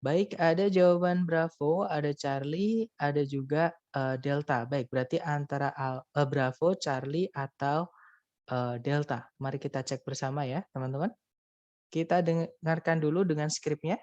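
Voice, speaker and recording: A man's voice: a little high, unhurried, darkish tone, dry recording, lo-fi sound. A man teaching an English listening lesson in an online class, explaining step by step in a patient way with frequent fillers.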